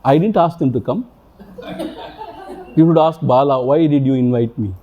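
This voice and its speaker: A man's voice: mid-range voice, moderate pace, phone-quality sound. A man giving a spiritual discourse, emphatic and repetitive, with many rhetorical questions. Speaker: spiritual teacher. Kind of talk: spiritual discourse to a retreat audience. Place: retreat hall before an audience.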